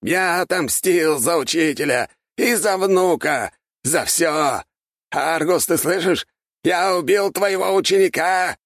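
A furious old archmage, put on by a male narrator, shouts himself hoarse in a strained, raised voice well above his natural register. His delivery is loud and driven by desperate hunger for revenge. The recording is close and dry. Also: mid-range voice, extremely slow, hardly any pauses, no echo, pitched above the performer's own voice. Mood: triumphant shouting. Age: older.

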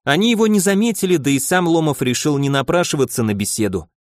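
A man narrating a novel in a measured, even storytelling manner. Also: a little high, dry recording, studio quality. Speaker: audiobook narrator. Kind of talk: scripted narration.

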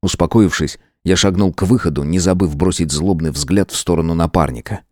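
A man's voice: deep voice, a little fast, darkish tone, no room sound, clean studio sound. A man narrating a first-person crime novel as an audiobook with dramatic delivery. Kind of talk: scripted narration.

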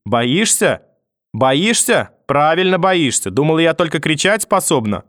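A man's voice: medium pitch, lively intonation, moderate pace, dry recording, clean studio sound, lightly acted. A man reading an audiobook and voicing a furious, vicious old grandmother who scolds, curses and threatens. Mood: screaming.

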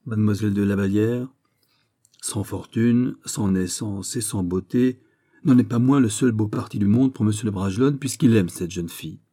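A man voicing a calm older male nobleman who speaks in a measured, courteous and unyielding way. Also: fairly low pitch, natural voice. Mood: earnest.

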